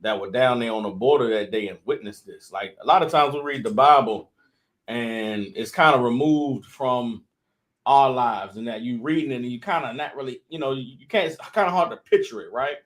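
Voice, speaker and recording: A man of medium pitch, speaking at normal speed, offers loose and impassioned religious commentary as a member of the group. As his intensity builds, he keeps saying "you know what I'm saying."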